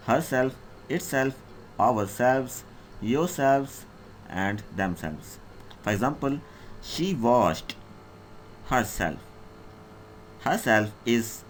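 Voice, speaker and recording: A man gives an English grammar lesson in a slow, careful pace and a somewhat low voice. He reads out each definition and then explains it again in his own words, stepping through word lists and example sentences one at a time. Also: fairly bright tone, slight background noise. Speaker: English teacher.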